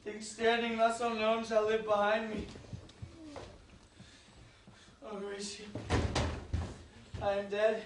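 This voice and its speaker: A man's voice: high-pitched, monotone, noisy background. A man playing an anguished, passionate young prince as he dies, declaiming in theatrical Shakespearean style. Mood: anguished, fading. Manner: theatrical, declaiming, drawn-out dying delivery. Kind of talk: Shakespearean stage acting. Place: theatre stage, recorded from far off. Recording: distant echoey stage recording, music behind.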